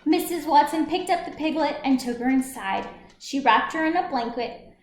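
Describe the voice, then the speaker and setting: A woman's voice: sits high, animated, moderate pace. A woman library storyteller reading a picture book aloud expressively to young listeners. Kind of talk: children's storybook read-aloud. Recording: roomy echo, some background noise.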